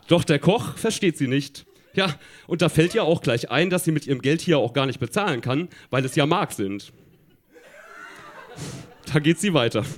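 A man on a live stage reading aloud his own childhood story, amused and laughing along. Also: fairly high pitch. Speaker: reader at a live reading show. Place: live stage before an audience.

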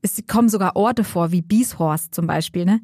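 A woman's voice: on the low side, moderate pace, darkish tone, breathy edge, dry recording, clean studio sound. A woman co-hosting a book podcast, musing aloud in casual chat and often checking in with her partner. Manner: musing, thinks aloud with many tag questions.

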